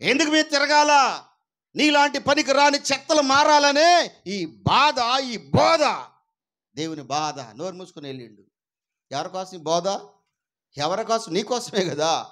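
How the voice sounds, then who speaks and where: A man preaching as pastor at a church prayer meeting, swinging between loud cries and low, intense asides into a microphone. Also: lively intonation, measured pace, long pauses. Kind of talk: sermon. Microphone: microphone through a sound system.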